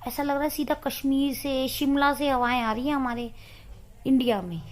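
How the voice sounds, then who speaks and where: A young woman chatting casually to her viewers in a home vlog, talkative and quick to laugh. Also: high-pitched, steady tone. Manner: chatty, laughs often, addresses viewers as guys. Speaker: vlogger. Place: home, indoors.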